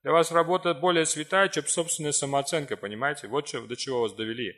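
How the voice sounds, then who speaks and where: A man's voice: fairly high pitch, fast talker, a bit bright. A man in his forties giving a live seminar talk, answering notes from the audience in a teasing, ironic, conversational way. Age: 40s.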